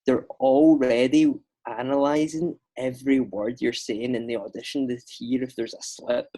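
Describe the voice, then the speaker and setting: Husky Scottish man, chatty. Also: medium pitch, normal speed. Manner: chatty, animated storyteller with many fillers. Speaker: actor guest. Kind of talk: casual podcast chat.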